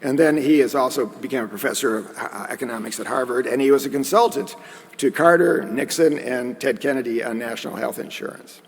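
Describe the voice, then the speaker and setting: A man's voice: medium pitch, fairly quick, gravelly, husky. A man giving a conference lecture in a conversational way, with joking asides. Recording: long hall reverb.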